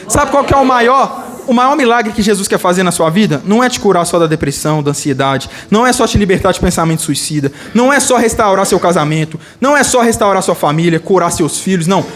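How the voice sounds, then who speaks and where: A man's voice: high-pitched, a bit bright. A Brazilian man preaching an evangelical sermon, fervent and rousing, calling for responses from the congregation.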